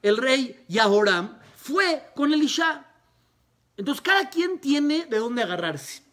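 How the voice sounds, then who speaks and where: Rabbi giving a lively Talmud lesson. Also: male voice, very high-pitched, takes it slowly. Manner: lively retelling with rhetorical questions.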